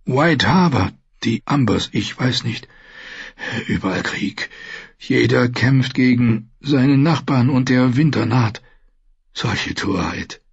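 A man voicing a gentle old maester who is dying in pain, speaking in a faint, breathy half-whisper. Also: mid-range voice, expressive, takes it slowly, dry recording, muffled recording, pitched above the performer's own voice, full character voice. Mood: weak, grave. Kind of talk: audiobook character voice.

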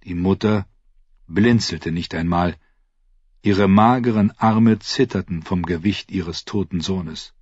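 A man reading a fantasy novel aloud with dramatic, expressive narration. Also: low voice, takes it slowly, slightly rough, dry recording. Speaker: audiobook narrator. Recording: dry, slightly dull audiobook recording.

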